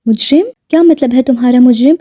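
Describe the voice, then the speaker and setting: A woman's voice: high-pitched, mellow, dry recording, clean studio sound, natural voice. A woman voicing a loyal wife, playful with her husband and harsh with the police, in a storybook reading. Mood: angry. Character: loving loyal wife, sharp-tongued when angered.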